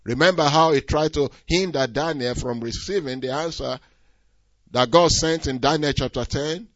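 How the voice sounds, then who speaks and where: A man preaching a sermon, shifting between quiet stretches and loud emphasis and drawing out key words. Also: on the high side, moderate pace, dry recording. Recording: dull, dry lo-fi recording.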